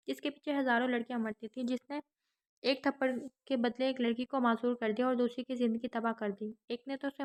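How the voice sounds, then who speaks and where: Brief: woman narrator, somewhat high voice, dramatic audiobook reading. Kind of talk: scripted novel narration.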